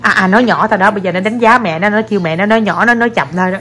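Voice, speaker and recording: A mother, chatting casually to viewers in a family vlog while talking with her daughter, animated and quick to laugh. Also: medium pitch.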